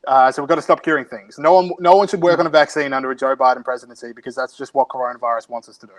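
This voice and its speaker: A man's voice: mid-range voice, steady tone, rapid-fire. A man with an Australian accent co-hosting a podcast, chatting in a wry, sardonic way from home. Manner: wry, sardonic, reads out tweets. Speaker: podcast co-host. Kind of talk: casual podcast banter. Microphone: remote recording from home.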